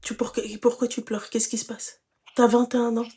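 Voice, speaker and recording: A woman's voice: fairly high pitch, normal speed. Blunt, familiar woman streamer giving advice. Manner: blunt, familiar, endearments, animated outbursts. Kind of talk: casual live advice chat.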